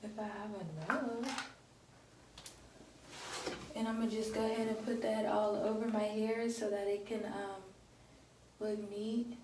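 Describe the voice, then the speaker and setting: A young woman vlogger, talking viewers through a hair tutorial in a relaxed, chatty way, a little groggy from just waking up. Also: mid-range voice, unhurried, long pauses, noisy background. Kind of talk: casual how-to tutorial. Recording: echoey room with faint ambience.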